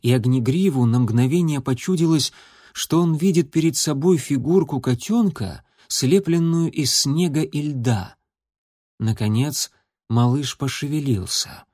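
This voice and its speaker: A man reading a children's animal adventure story aloud as narrator in an even storytelling delivery. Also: medium pitch, measured pace, dry recording. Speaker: audiobook narrator. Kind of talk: scripted narration. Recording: dry close recording.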